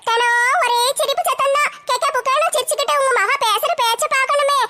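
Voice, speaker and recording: A squeaky one-eyed gossip. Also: female voice, a little fast, pushed and bright. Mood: gossipy. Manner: accusing, taunting village gossip. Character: gossiping one-eyed village woman, meddlesome and spiteful.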